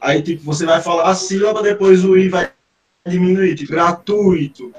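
A man taking part in a study group call, talking in a relaxed, conversational way. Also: sits high, fairly quick, far from the mic. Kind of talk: casual group call chat.

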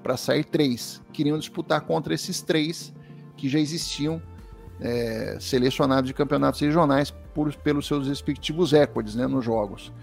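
A Brazilian man in his fifties, an interview guest telling a lively story and acting out what people said. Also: medium pitch, normal speed, vocal fry, faint music behind. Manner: lively storyteller, acts out quoted dialogue. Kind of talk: storytelling anecdote.

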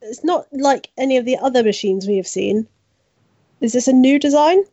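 A woman's voice: sits high, normal speed, warm tone, dry recording. A woman player in a tabletop game, speaking in a playful way. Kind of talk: tabletop role-play chat. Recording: dull, dry lo-fi mic.

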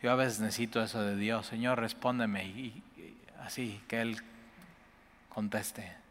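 A man preaching as pastor, his voice bright and forceful. He drops to a hushed prayerful hush for scripture, then rises into loud, excited exclamations. A long reverb hangs behind him in the church hall. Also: on the low side, a little slow. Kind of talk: sermon.

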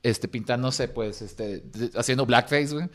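A young man with a Mexican accent, chatting sarcastically and deadpan as a podcast co-host. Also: mid-range voice, measured pace. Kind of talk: casual chat.

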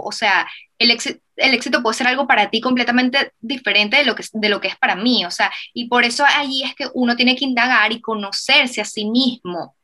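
A woman from Venezuela with a Venezuelan accent co-hosting a casual podcast, talking in an animated way. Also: fairly high pitch. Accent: Venezuelan Spanish. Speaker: podcast co-host.

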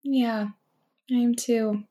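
A woman's voice: on the high side, steady tone, takes it slowly, mellow. A woman talking as an interview guest in a casual, reflective and effusive way. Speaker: interview guest, departing marketing director.

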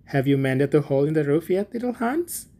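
A man's voice: fairly high pitch, expressive, normal speed, dark tone. A man voicing a smug, sanctimonious miller in a storybook, pompous and preachy in his delivery. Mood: cheery. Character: smug, sanctimonious, self-serving male miller. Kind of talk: storybook character voice.

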